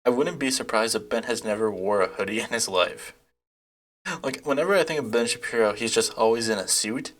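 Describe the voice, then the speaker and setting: Male commentator, mid-pitched, loose and scoffing, laughs through his takes. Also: fairly quick. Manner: rambling, mocking, laughs often. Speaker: YouTube commentator. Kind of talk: casual reaction commentary.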